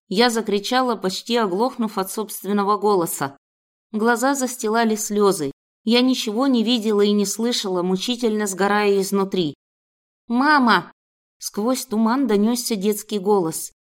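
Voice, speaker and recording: A woman reading a first-person fantasy novel aloud in a dramatic storytelling style. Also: mid-range voice. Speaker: audiobook narrator. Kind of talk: first-person audiobook narration.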